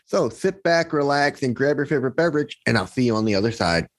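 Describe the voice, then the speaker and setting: A man's voice: medium pitch, expressive, quick pace, dry recording. Podcast host man, dry sound. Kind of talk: interview hosting.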